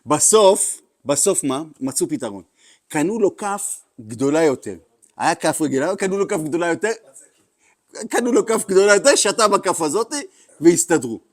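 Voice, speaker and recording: A man, a rabbi, giving a Torah class full of stories, animated and dramatic, bursting into loud exclamations as he tells them. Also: fairly high pitch. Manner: animated storyteller, acts out characters with sudden loud outbursts.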